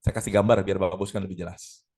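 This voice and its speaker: Middle-aged guy running a sales class online, talks fast, pumps up the audience with questions. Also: deep voice. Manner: energetic, addresses audience as Bapak Ibu, rhetorical questions. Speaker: sales trainer.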